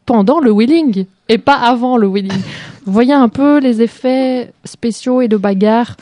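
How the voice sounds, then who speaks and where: A woman with a fairly high, mellow voice hosts a chat show, unhurriedly mocking a TV series with sarcasm and frequent laughter in a casual critical review. There is no room sound.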